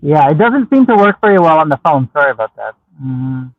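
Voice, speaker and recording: A man's voice: fairly high pitch, very animated, fairly quick, no room sound. Man on a muffled, underwater-sounding phone line. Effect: muffled underwater-sounding phone audio. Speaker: guest investor calling in. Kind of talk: casual podcast chat.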